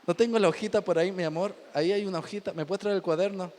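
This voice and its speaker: Chilean-born pastor preaching, high voice, lots of joking and laughing, long church reverb. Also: male voice, steady tone, very fast, a little mellow. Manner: joking, laughs often, repeats himself for emphasis. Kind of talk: humorous sermon. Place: church pulpit.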